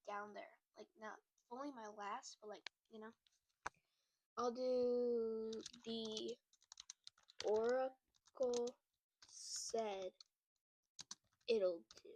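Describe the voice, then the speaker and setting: Slightly under the weather, a woman who makes book content talks to camera in a loose, rambling way, restarting often and leaning on fillers. Her voice is a little high, with a faint hiss or hum in the audio.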